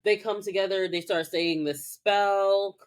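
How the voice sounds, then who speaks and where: A woman co-hosts a casual TV recap podcast, taking her time over each sentence. Her voice sits at an everyday middle pitch. She acts out the characters' lines and swears freely. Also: measured pace. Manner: animated retelling with acted-out quotes, profane. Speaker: podcast co-host.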